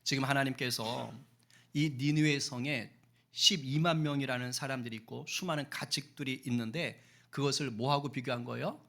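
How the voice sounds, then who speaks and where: A man's voice: medium pitch, steady tone, moderate pace, gravelly, a bit bright. A male pastor giving a sermon in a conversational way, often asking the congregation questions and acting out quotes.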